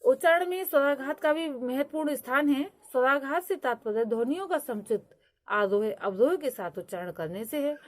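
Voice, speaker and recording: A woman's voice: sits high, animated, normal speed. A woman teacher giving a lecture, going through each point in turn and adding English terms as she explains.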